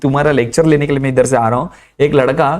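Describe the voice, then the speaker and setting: A man who teaches through animated, streetwise stories and mixes in English phrases. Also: medium pitch, fast. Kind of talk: storytelling lecture.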